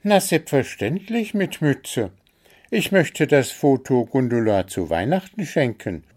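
A man's voice: mid-range voice, big pitch swings, unhurried, darkish tone, voice pushed up. A man voicing a vain little male bird in a storybook, chirpy and self-satisfied. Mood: vain, eager. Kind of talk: storybook character voice.

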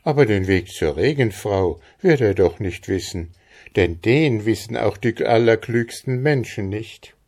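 A man's voice: on the low side, expressive, measured pace, darkish tone. A man voicing an honest but shrewd young peasant lad, talking plainly while playing the simpleton, in an audiobook. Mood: wary. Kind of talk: audiobook character voice.

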